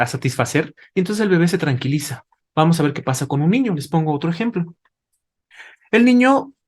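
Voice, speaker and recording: A man, a doctor, explaining to parents in a didactic way, asking rhetorical questions as he goes. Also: fairly high pitch. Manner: didactic, asks rhetorical questions, tags with "¿vale?". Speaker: doctor, invited expert.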